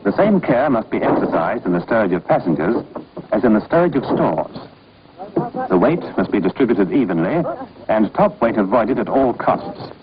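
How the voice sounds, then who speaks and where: Over a muffled, noisy old film soundtrack, a man with a lowish voice reads scripted training-film narration, formal, authoritative and instructive. He speaks at a moderate pace with big pitch swings, and a crowd can be heard in the background.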